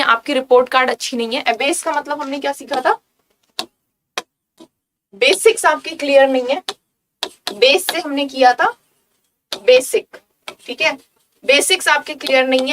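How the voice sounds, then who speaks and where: A woman's voice: sits high, pushed and bright. A woman teaching an exam-prep vocabulary lesson, repeating words and often checking that students follow. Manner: repetitive, checks understanding with "clear?".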